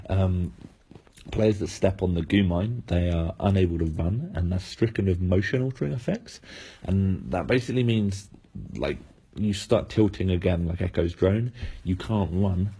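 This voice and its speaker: A man's voice: sits low, mellow, husky. A man losing his voice, giving analytical game preview commentary with frequent fillers and restarts.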